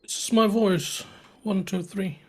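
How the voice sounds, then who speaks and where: A woman's voice: medium pitch, fairly even intonation, a little slow, a little mellow, breathy edge. Woman with a Danish accent, music behind. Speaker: moderator and friend of the streamer. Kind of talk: casual chat on a game stream. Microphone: voice call.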